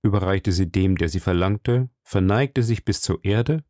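A man reading a classic novel aloud as an audiobook narrator, in a measured, steady way. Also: sits low, no room sound, clean studio sound. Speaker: audiobook reader. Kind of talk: scripted narration.

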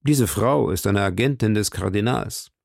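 A man's voice: on the low side, normal speed, gravelly, a little mellow, no room sound, clean studio sound. A man reading an audiobook, voicing a proud, agitated English duke who gives orders imperiously. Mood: commanding. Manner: commanding, imperious.

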